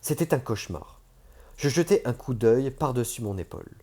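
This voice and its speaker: A man narrating a first-person novel as an audiobook, measured and steady. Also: mid-range voice.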